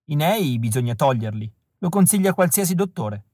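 A man reading an audiobook, voicing a tender and resolute rebel woman in a soft, earnest, measured way. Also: on the high side, very animated, no echo, studio quality. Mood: teasing.

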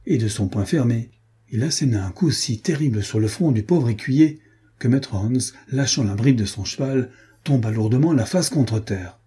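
A man reading a historical novel aloud in steady, measured scripted narration. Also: medium pitch, husky. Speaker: audiobook narrator.

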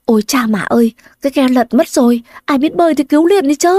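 A woman voicing a panicked crowd of villagers shouting for someone to help. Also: sits high, fast, no echo, clean studio sound, voice pushed up, close to an everyday voice. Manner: shouting over each other.

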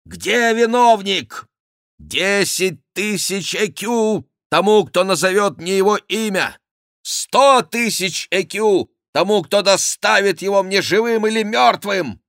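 A man voicing a hysterical, furious middle-aged French king who shouts in drawn-out outbursts. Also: fairly high pitch, animated, dry recording, studio quality, pitched above the performer's own voice. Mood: raging.

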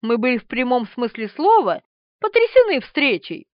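A woman voicing a dim-witted, dazed young man who drawls slowly in an audiobook. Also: high voice, big pitch swings, dry recording. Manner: slow, dull, drawling. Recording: dry, slightly dull studio recording.

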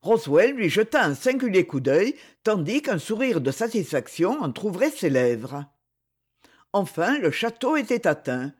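Man, audiobook narrator, high voice, expressive, dramatic novel reading. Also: measured pace, slightly rough. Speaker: audiobook reader.

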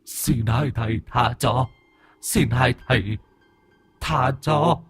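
Man putting on a groveling hungry ghost, husky breathy voice, slow wailing pleas, high and whiny, dry close sound. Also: dry recording, faint music behind. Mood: begging. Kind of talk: audio ghost story narration.

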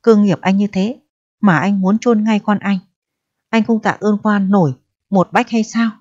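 A woman's voice: on the low side, moderate pace, a little mellow, no echo, lightly acted. Brief: sly scolding court clerk in a storybook reading, read by a woman, dry muffled recording. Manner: scolding, wheedling. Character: scheming older male court clerk.

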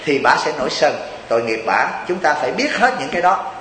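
A man's voice: a little high, sing-song, fairly quick, a bit bright, echoey room, long reverb tail, a little hiss or hum, rough recording. A Buddhist monk from Vietnam gives a chatty, joking sermon, teasing his listeners and asking them rhetorical questions.

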